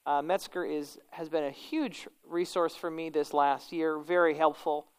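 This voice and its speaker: A woman's voice: low-pitched, steady tone, unhurried, smooth. A woman pastor with a kindly, conversational manner, teaching an informal church class and correcting herself as she goes. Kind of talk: informal religious lecture and prayer.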